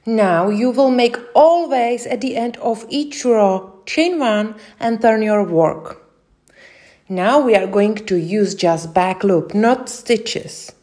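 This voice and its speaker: Young Czech woman, Czech accent, crochet tutor; mellow, unhurried delivery, halting between steps. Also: on the high side. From Czech Republic. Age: young adult. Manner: slow, careful, with many hesitations. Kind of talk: step-by-step craft instruction.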